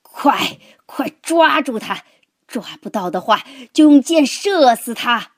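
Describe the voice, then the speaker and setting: A woman voicing an arrogant, cruel prince in a children's audio story, barking orders in a loud, forceful voice. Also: sits high, lively intonation, slow pace, voice pushed up. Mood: frantic rage. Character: arrogant cruel Mongolian prince, grown man, bullying.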